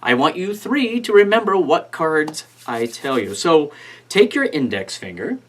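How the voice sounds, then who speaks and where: A man's voice: on the high side, big pitch swings, unhurried. A man giving casual, step-by-step card magician patter, teaching a trick and addressing imagined volunteers as he demonstrates.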